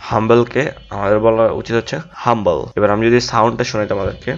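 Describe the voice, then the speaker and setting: A man teaching an English pronunciation lesson in a casual classroom way. He drills each word aloud and keeps adding a quick "yes". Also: on the low side, flat delivery, creaky. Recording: dull lo-fi recording.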